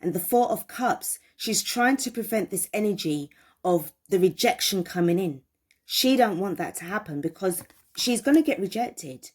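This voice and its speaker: A woman's voice: mid-range voice, animated, moderate pace. A woman giving a tarot reading, talking emphatically, repeating phrases and asking viewers questions. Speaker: tarot reader.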